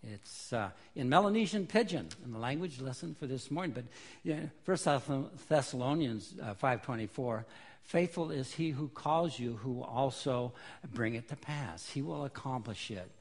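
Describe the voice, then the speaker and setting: A middle-aged man speaks informally to a church as a visiting missionary. His voice sits at a medium pitch. He feels his way through sentences with hesitant pauses and a reflective manner. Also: lively intonation. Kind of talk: informal church talk with slides.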